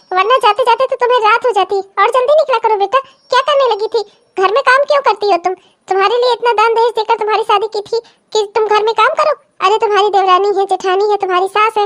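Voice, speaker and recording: A woman's voice: very high voice, fairly bright tone. Bossy, scheming old cartoon mother-in-law. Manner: bossy, scolding, coaxing toward her daughters. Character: scheming older mother-in-law, doting on daughters. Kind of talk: cartoon comedy voice acting.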